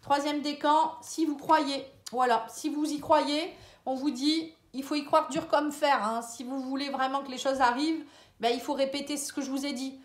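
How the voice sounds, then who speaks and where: A woman gives a casual tarot and horoscope reading, speaking directly and familiarly to the viewer. Her high-pitched voice keeps a steady tone at normal speed with some reverb, and she is hesitant and full of fillers.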